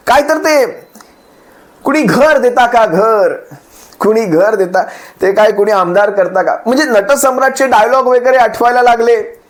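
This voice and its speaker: A man speaking as a party spokesperson, attacking a rival with rhetorical questions and repeated phrases. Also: high-pitched. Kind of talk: political speech addressing opponents.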